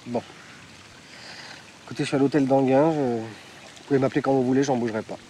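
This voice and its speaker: A man's voice: medium pitch, brisk, dark tone, a little hiss or hum, natural voice. An actor playing an earnest businessman who leaves a polite, hesitant voicemail, speaking into a phone. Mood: pleading. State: leaving a phone message.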